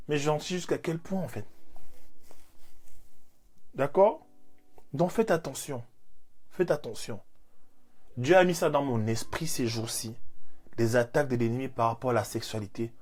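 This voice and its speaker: A man, giving an animated, repetitive motivational faith talk as a life coach. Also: on the high side. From Cameroon. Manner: animated, repeats phrases, leans on fillers.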